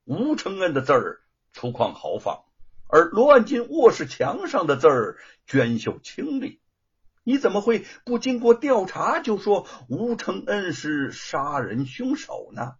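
A man voicing a stern imperial envoy who speaks in a cold, measured, commanding way. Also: sits high, huge pitch swings, slightly rough, lo-fi sound, full character voice.

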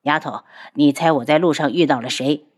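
A woman's voice: low-pitched, fairly quick, slightly rough, pitched below the performer's own voice. A woman doing a teasing, lovesick young man. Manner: teasing, familiar.

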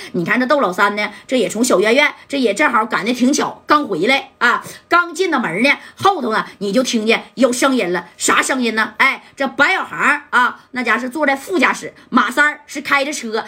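A woman with a Northeastern Mandarin accent telling a gangster story in a lively, colloquial way, with spoken sound effects. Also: a little high, breathy edge.

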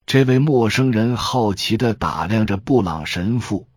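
Slow, husky male storyteller. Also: lowish voice, expressive, dry recording, studio quality. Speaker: audiobook narrator. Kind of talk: storytelling audiobook narration.

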